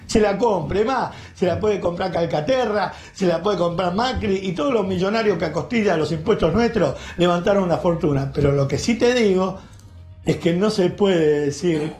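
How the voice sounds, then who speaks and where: The room is echoey around this host's high, slightly mellow voice, which carries an Argentine Rioplatense accent. Working in radio and TV, he gives an indignant editorial monologue dripping with sarcasm and insults.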